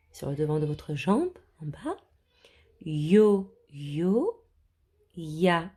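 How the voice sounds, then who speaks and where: A woman teaching a reading lesson to young children, sounding out words slowly and clearly with a lively, coaxing delivery. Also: sits low. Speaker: primary school teacher.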